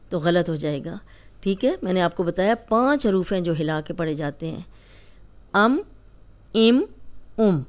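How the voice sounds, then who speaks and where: Slow, patient woman teaching reading drills. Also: medium pitch, a little mellow. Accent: Pakistani Urdu. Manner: patient, repeats syllables in drills and quizzes the learner. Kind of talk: slow spoken lesson with drills.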